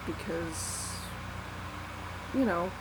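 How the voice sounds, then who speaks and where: Young adult vlogger, slow, candid and self-deprecating delivery, recorded on a laptop with a loud fan running. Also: medium pitch, animated, noisy background. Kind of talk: casual unscripted confessional vlog, one take. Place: small warm bedroom at night. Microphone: laptop built-in mic. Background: whirring fan.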